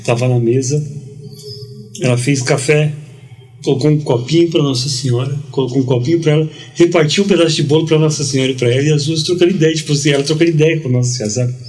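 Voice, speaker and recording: Man telling a lively slangy story. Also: on the high side, fast, faint music behind. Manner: lively storyteller, slangy, quotes people in dialogue. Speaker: guest. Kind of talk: casual storytelling.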